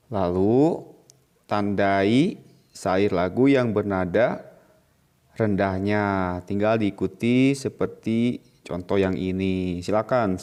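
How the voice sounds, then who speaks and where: Slow, patient male teacher. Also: on the low side, darkish tone. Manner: patient, repeats points step by step. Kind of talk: recorded video lesson for children.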